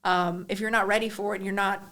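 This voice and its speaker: A woman's voice: medium pitch, little pitch movement, brisk, a bit bright. A woman in her thirties, a guest on a podcast, chatting casually and reflectively and asking questions. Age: 30s.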